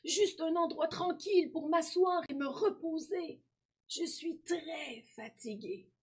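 A woman's voice: very high voice, voice pushed up. Tired old man, once a boy, read by a woman. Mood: weary. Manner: slow, tired and downcast.

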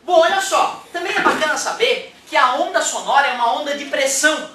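A man from Brazil, giving a lively, joking physics lecture in a classroom and acting out examples. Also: very high-pitched, brisk, a little hiss or hum. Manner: animated and joking, acts out examples. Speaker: physics teacher. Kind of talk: exam-prep physics lecture. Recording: echoey room, mic at a distance.

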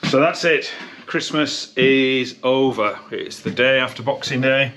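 In an unhurried, somewhat bright mid-range voice, a British pub landlord plainly describes what's going on around his pub and its cellar for a behind-the-scenes vlog.

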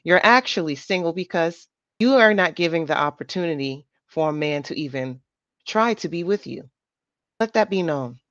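Hosting a reaction channel, a woman delivers emphatic, lecturing, opinionated commentary about dating. Her voice is low and animated at a moderate pace, recorded dry with no room sound in dull lo-fi quality.

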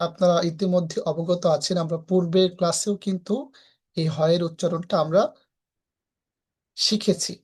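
A woman's voice: on the low side, fairly even intonation, moderate pace, pauses often, a little mellow. A woman with a Bangladeshi Bengali accent teaching Sanskrit verse pronunciation in a live class, breaking each verse into syllables and then chanting it whole.

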